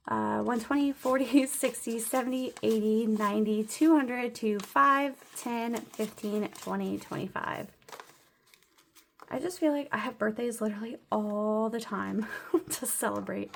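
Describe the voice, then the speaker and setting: Her fairly high voice carries some vocal fry as she vlogs her weekly cash budget. She's chatty and a bit breathless, counting the bills out loud, laughing a lot, and narrating in a casual way.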